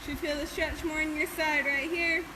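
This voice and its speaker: A woman's voice: high-pitched, normal speed, echoey room. A woman gymnastics coach leading a live-streamed stretching class in a casual, encouraging way, giving instructions and counts. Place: gym floor with fans. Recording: noisy live-stream audio with steady background hum.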